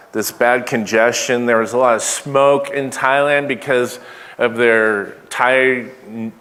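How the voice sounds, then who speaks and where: A man addresses his congregation as pastor, moving slowly and haltingly with frequent fillers. His low voice has a bright, forward edge. The sound rings with the long reverb of a church sanctuary. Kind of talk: church announcements.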